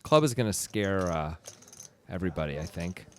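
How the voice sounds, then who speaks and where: A man's voice: deep voice, normal speed, slight background noise. A man commentating a poker game in a casual, playful way, calling hands and teasing his co-host. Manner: playful, teasing, bursts of excitement.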